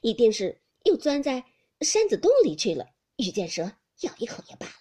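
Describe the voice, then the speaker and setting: A poised and sly young lady, voiced by a woman reader. She chats lightly with feigned innocence, her pitch high and lively, her tone breathy. A figure in an audiobook. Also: normal speed.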